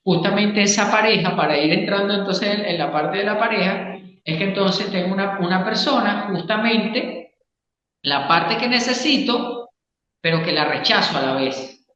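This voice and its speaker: A man's voice: high voice, normal speed, bright, forceful tone, a little hiss or hum. A man, a psychologist explaining ideas in an interview and often checking in with the listener. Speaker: psychologist and Gestalt therapist, interview guest. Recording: echoey room, long reverb, dull sound.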